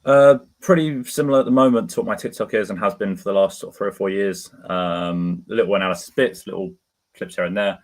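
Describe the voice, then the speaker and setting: A man's voice: deep voice, fairly even intonation, a little fast. A man talking casually as a guest on a football fan chat. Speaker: guest football content creator.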